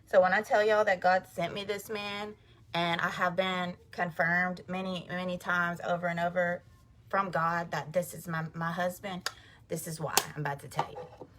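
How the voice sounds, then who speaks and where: A woman's voice: fairly low pitch, level tone, moderate pace, fairly bright tone. A woman vlogger telling her viewers a personal faith story, chatty and emphatic, speaking straight to them. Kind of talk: casual faith testimony storytelling.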